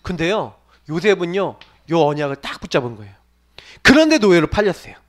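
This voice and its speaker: On the high side and sing-song, the pastor's brisk voice carries a sermon aimed at young people. He asks the audience many questions, one after another, and acts out the voices he quotes.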